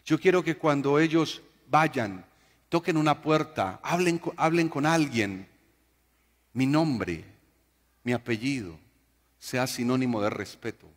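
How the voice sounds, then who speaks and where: A man's voice: medium pitch, lively intonation, unhurried, long reverb tail. A man preaching a sermon, telling stories and joking with the congregation. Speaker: pastor.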